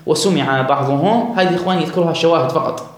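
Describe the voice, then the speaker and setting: Man teaching grammar in a very echoey room. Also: a little high. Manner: reads text slowly and stretched, then explains quickly; asks the class questions and urges them to follow. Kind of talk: classroom lesson reading and explaining a grammar text.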